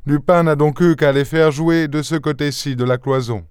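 A man reading the part of Sherlock Holmes, voicing the calm English detective with dry, assured precision. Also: on the high side, normal speed, clean tone, no echo, pitched above the performer's own voice, close to an everyday voice. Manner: assured, dryly amused, explaining with precision. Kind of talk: audiobook character voice.

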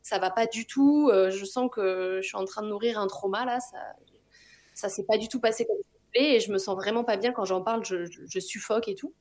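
A young woman from France, a podcast guest, telling a personal story in a lively, colloquial way with many fillers. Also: medium pitch, fairly quick.

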